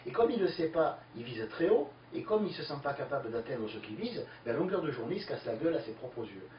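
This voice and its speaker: A man answering listener questions in a lively, emphatic explanatory talk full of fillers. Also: medium pitch, quick pace. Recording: distant, echoey, dull lo-fi with faint hiss.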